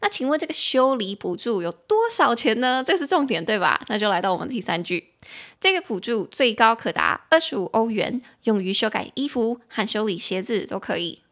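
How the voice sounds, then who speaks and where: A woman's voice: on the high side, lively intonation, a bit bright. Woman teaching English in casual Mandarin. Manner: reads English sentences slowly and clearly, explains in Mandarin. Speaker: podcast host and English teacher.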